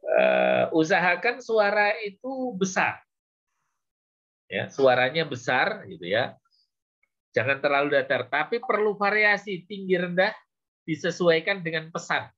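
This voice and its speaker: A man lecturing on public speaking, with many short fillers and a measured, explaining manner. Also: fairly high pitch, big pitch swings, fairly bright tone. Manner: slow, with frequent "ya" and "gitu ya" fillers. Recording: dull lo-fi recording.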